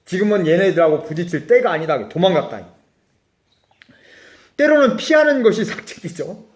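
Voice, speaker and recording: Animated Korean pastor preaching. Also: male voice, high voice, normal speed, roomy sound. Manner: storytelling with lively acted-out dialogue; animated, laughing asides. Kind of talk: sermon.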